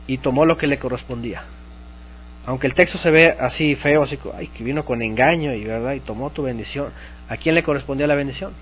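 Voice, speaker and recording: A man's voice: on the high side, lo-fi sound. A man teaching a Bible study, explaining scripture and asking his listeners questions.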